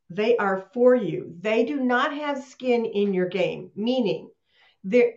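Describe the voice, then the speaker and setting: A woman's voice: mid-range voice, a little mellow. Female host, casual and talkative, video-call sound in an echoey room. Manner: chatty, laughs often, restarts mid-sentence. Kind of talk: casual talk, live online session. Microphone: computer mic on a video call. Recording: roomy, dull video-call audio.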